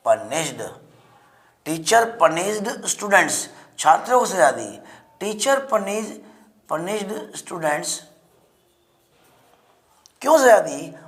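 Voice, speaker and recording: A man with an Indian accent teaching English grammar in Hindi, explaining slowly and repeating examples with frequent check-ins to his students. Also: high voice, sing-song. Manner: slow, repetitive explaining with frequent "ठीक है जी". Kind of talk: spoken English lesson in Hindi.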